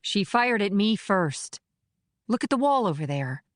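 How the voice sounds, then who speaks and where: A woman's voice: mid-range voice, sing-song, a little slow, no echo, studio quality. A woman voicing a tough, blunt female federal agent in an audiobook, with clipped, defensive delivery. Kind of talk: audiobook character reading.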